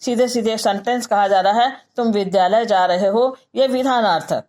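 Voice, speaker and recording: A woman with a Hindi accent teaching grammar in a patient lecture, saying example sentences slowly and then explaining each one. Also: mid-range voice, a little mellow.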